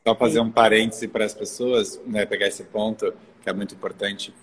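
A man's voice: on the low side, little pitch movement, fairly quick. A man hosting a live online interview, effusive and full of fillers and restarts. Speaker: host. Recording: hall reverb, faint ambient noise.

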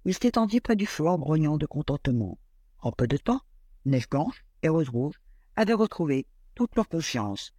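A man's voice: fairly high pitch, sing-song, normal speed, darkish tone, no echo. Man reading a fairy tale aloud. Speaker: storyteller.

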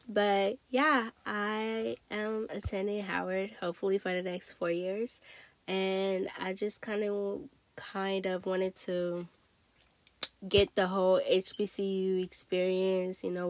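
A woman in her late teens from Togo, chatting casually and hesitantly in a rambling, informal solo podcast style. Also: mid-range voice. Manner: informal, hesitant, peppered with "you know" and "like". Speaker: podcast host.

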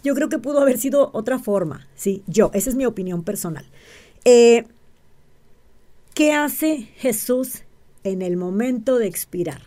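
Dark-voiced woman explaining. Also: a little high, expressive, a little slow. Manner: keeps checking in with "¿sí?" and asks rhetorical questions. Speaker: interview guest, self-described witch. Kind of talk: explanatory interview talk.

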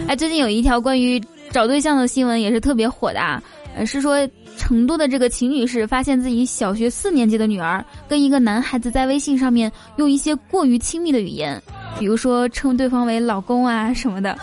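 A woman with a fairly high voice hosts a casual comedy monologue over background music. She is chatty and talks straight to her listeners, tossing them teasing questions as she goes. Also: darkish tone. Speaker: comedy show host.

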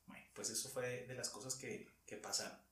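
A man with a Mexican accent telling a story in casual conversation, halting and rambling, with frequent laughs. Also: mid-range voice, steady tone, a bit bright. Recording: echoey room, far from mic.

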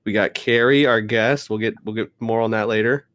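A man hosting a podcast casually, talking informally and haltingly as he feels his way through phrases. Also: on the low side, steady tone, fairly bright tone, no echo, clean studio sound. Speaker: podcast host.

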